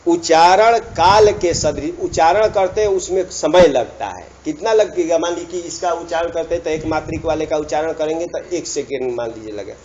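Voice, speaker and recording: A man's voice: on the high side, a little fast, hardly any pauses, a little mellow, highs cut off, slight background noise. A man teaching Sanskrit grammar in a classroom lecture, drawing out words, repeating himself and prompting students to answer. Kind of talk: classroom lecture with call-and-response.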